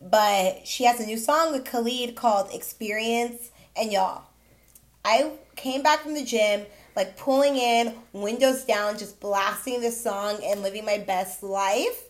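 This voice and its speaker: Upbeat young woman, slangy, slightly high. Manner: upbeat, slangy, quick backchannels. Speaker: podcast co-host. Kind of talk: casual chat.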